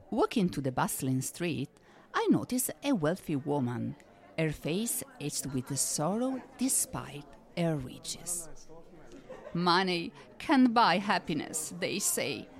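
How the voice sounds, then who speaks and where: A woman reading a storybook tale aloud in a low voice that moves lively up and down. Her pace is slow and unhurried. Soft music plays faintly behind her. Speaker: narrator. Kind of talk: storybook narration.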